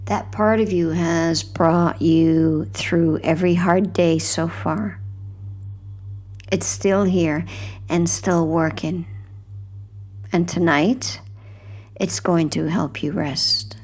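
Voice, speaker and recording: Guiding listeners toward sleep, a woman narrates a hypnosis script softly and slowly, her phrases fading gently away. She has a lowish voice and keeps a steady tone.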